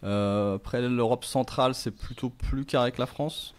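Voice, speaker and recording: A middle-aged man in casual conversation who thinks out loud, rambling with many fillers. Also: mid-range voice, moderate pace.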